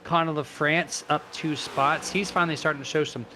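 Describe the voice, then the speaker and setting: A man giving live color commentary on a simulated stock car race, analytical and steady as he breaks down positions and tire wear. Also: on the high side, moderate pace, slight background noise.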